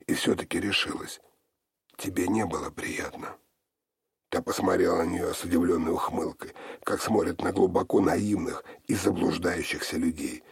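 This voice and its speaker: A man narrating an audiobook in a low, even, gravelly delivery. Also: no room sound, studio quality.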